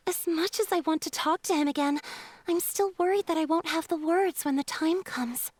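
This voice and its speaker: A woman voicing a gentle, shy water spirit in a video game, speaking softly and hesitantly. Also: very high voice, moderate pace, dry recording. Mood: resolved. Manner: soft, hesitant, breathy at times.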